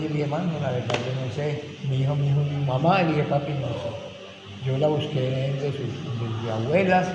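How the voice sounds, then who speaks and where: An earnest middle-aged man tells his personal testimony, slipping into the voices of people in his story. His voice sits a little high for a man and rings through a roomy hall with a long tail of reverb, over a faint hiss of background noise. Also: mellow, lo-fi sound. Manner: earnest, emotional storytelling with quoted dialogue. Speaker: testimony speaker at a rehab ministry.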